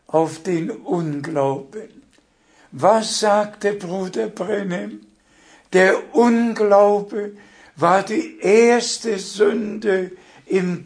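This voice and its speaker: A man preaching a sermon, earnest and emphatic, with long pauses between phrases. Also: sits high.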